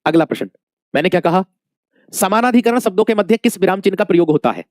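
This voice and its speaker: A man's voice: high-pitched, big pitch swings, fast, darkish tone, dry recording, clean studio sound. A male Hindi teacher giving an exam-prep lesson, calling his students dear friends, asking questions and repeating the answers many times.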